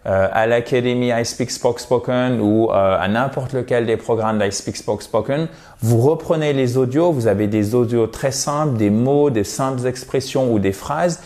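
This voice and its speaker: A man's voice: medium pitch, a little mellow. Male teacher giving a video lesson on pronunciation, encouraging and direct with viewers. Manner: slow, drawn-out English model words.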